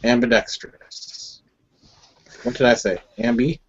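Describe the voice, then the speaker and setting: A man with a Wisconsin accent hosts a casual group podcast, chatty and loose, sometimes tripping over a word. His voice sits at an ordinary middle pitch. The audio is dull and lo-fi. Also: normal speed. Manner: chatty, laughs, trips over words. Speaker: host.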